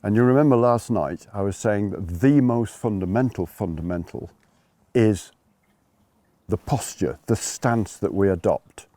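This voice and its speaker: A man's voice: lowish voice, measured pace, warm tone, no room sound. A man working as a ski instructor, explaining things informally to learners in an emphatic way, rephrasing and repeating his points.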